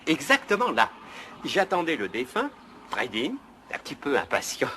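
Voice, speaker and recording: A man's voice: on the high side, huge pitch swings, normal speed, background noise. An actor playing a fussy, formal, dignified man demonstrating his story in a film comedy. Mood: fussy, eager.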